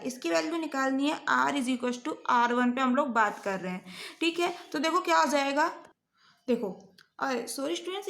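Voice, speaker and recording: A woman's voice: high-pitched, gravelly, a bit bright, echoey room. A woman teaching a maths lecture in speech, working step by step through equations and often putting questions to her students.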